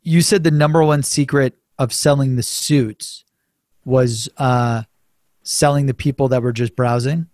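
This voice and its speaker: A man's voice: mid-range voice, steady tone, measured pace, a little mellow, dry recording, studio quality. A young man hosting an interview, reacting with casual enthusiasm and a bit of swearing. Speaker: podcast host.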